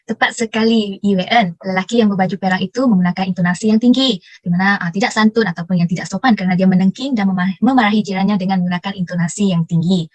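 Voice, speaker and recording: Young woman teacher, formal and encouraging, quick delivery, dry close sound. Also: medium pitch, no room sound. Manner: formal, encouraging, praises students.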